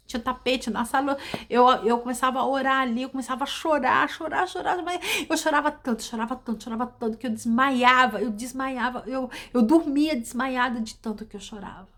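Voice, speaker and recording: A middle-aged woman preacher giving an emotional testimony sermon, repeating phrases for emphasis and dropping from loud to hushed. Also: sits high. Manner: repetitive, emphatic, swings between loud and hushed.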